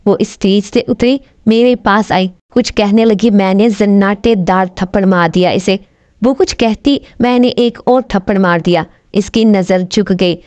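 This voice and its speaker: A woman narrating an emotional first-person story in a steady, feeling reading. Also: medium pitch, a little slow, dry recording. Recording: dull, dry recording.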